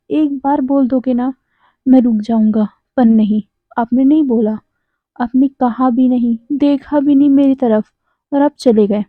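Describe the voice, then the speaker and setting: A woman puts on a wounded young husband who keeps pressing his silent partner with accusing, pleading questions. The voice sits high, and the sound is dry and thin, like a phone line. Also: no room sound. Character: hurt, reproachful young husband.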